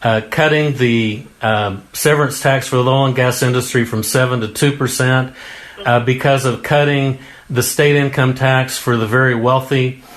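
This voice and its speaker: A man's voice: medium pitch, fairly even intonation, normal speed, fairly bright tone. Folksy male congressional candidate. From Oklahoma. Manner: folksy and earnest, with homespun exclamations. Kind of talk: interview answers.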